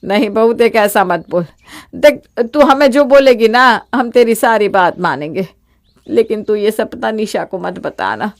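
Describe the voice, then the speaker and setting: A woman voicing a bossy, scolding middle-aged mother-in-law in an animated story, talking loud and commanding. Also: mid-range voice, measured pace.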